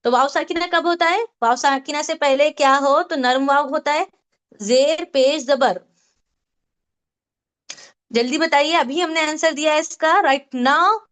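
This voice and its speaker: High-voiced woman teaching tajweed. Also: a bit bright. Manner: patient, repeats questions and answers, drills Arabic sounds slowly. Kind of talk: online Quran recitation lesson.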